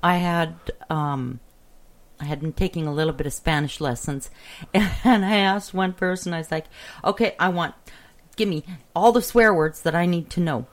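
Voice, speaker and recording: A woman's voice: fairly low pitch, normal speed. A woman co-hosting a radio show, teasing her partner and telling chatty stories. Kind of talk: casual banter and storytelling.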